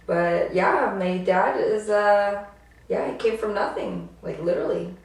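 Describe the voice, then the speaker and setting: A woman's voice: mid-range voice, unhurried, creaky. Matter-of-fact woman in an echoey room. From Canada. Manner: brief, matter-of-fact replies. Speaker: comedian guest. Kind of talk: casual podcast chat. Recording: echoey room, distant mic.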